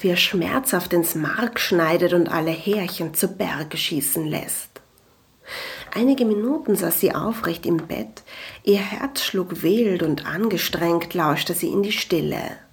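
A woman reading a story aloud in a calm narration style, sometimes dropping to a soft whisper. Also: fairly low pitch. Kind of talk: scripted audiobook narration.

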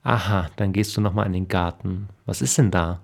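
A nagging older wife in a storybook who questions everything again and again, as a male reader puts her on. The voice stays low and gravelly, with a fast, needling pace.

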